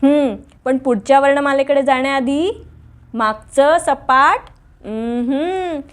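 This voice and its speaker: A woman hosting a children's alphabet lesson, talking in a lively way and drilling letters with clapping. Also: sits high, slow pace, background noise. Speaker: teacher and host of a home-learning show.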